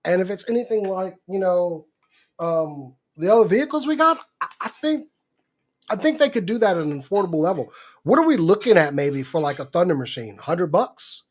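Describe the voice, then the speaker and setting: High-pitched guy telling a story on a stream, all animated. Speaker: co-host. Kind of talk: casual livestream chat.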